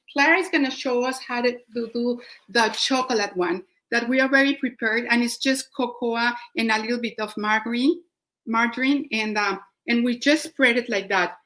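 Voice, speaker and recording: A woman with a Mexican accent giving a live baking demonstration, enthusiastic and full of restarts. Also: on the high side. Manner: warm, enthusiastic, with frequent restarts. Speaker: cooking demonstrator.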